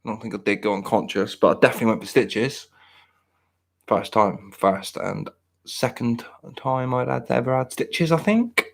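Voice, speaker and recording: A man's voice: medium pitch, expressive, moderate pace, creaky. A man in his thirties chatting casually, rambling and poking fun at himself. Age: 30s. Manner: rambling, self-mocking, restarts often. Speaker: podcast host. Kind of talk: casual chat.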